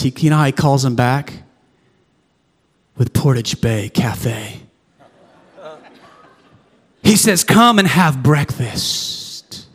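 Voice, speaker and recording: A man's voice: mid-range voice, long reverb tail. A man preaching a sermon to his congregation in a church, impassioned and repeating phrases for emphasis. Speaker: pastor. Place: church sanctuary before a congregation.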